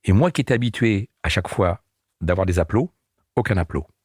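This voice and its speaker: A man in his sixties, a comedian and guest, telling animated anecdotes in casual chat and acting out the people he quotes. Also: lowish voice, rapid-fire, slightly rough, no echo, clean studio sound. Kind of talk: casual storytelling.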